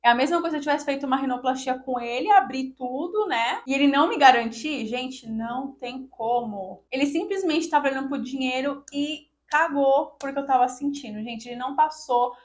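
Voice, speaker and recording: A woman's voice: high-pitched, brisk, few pauses. A young woman from Brazil telling viewers a personal story in a casual, emotional, indignant way, often addressing them directly. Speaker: vlogger.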